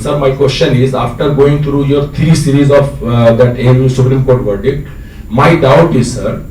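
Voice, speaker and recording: An audience member in a lecture hall, a man from Bihar whose first language is a local dialect there, asks a lengthy, earnest question with many hesitations, speaking English non-natively with an Indian accent. His voice is medium in pitch and a little mellow. It's captured on a distant mic in an echoey hall with faint noise.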